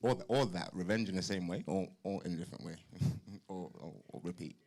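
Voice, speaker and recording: A man talks in a lowish voice at a boxing press conference. He is informal and playful, often repeating a phrase for effect. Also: fast, a little mellow.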